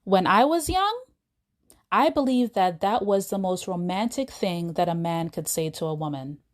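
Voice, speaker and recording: A woman's voice: on the low side, expressive, normal speed. Chatty woman podcast host telling a story. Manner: chatty, retells a film scene with asides to listeners. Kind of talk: casual storytelling monologue.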